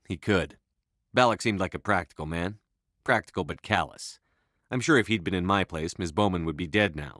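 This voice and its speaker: A man playing a resolute human military commander in a space opera video game, speaking in a measured, authoritative, matter-of-fact way. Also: deep voice, a bit bright, no room sound, studio quality.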